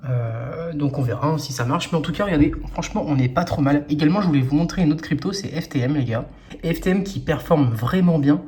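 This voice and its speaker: A man's voice: medium pitch, darkish tone. A man hosting a crypto investing video, talking casually through a screen-share walkthrough, full of fillers and speaking straight to his viewers.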